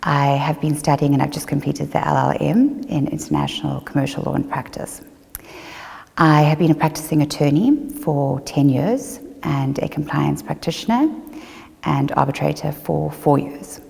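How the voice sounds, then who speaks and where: A middle-aged woman from Zimbabwe, an attorney, giving a measured, reflective testimonial interview. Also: sits low, fairly even intonation, gravelly, a little mellow, in a large hall. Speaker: attorney and former online law student.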